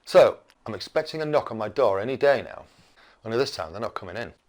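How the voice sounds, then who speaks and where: A man's voice: fairly low pitch, expressive, quick pace, a little mellow. A British man in his fifties delivering an indignant, cranky rant as a video blogger, emphatic and full of rhetorical questions. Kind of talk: opinionated rant to camera.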